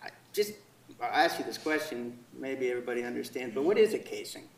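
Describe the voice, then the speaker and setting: A man's voice: medium pitch, lively intonation, a little fast, gravelly, noisy background. A man working as an attorney, putting methodical, formal questions to a witness in courtroom direct examination. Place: indoor courtroom. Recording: echoey courtroom, distant microphone.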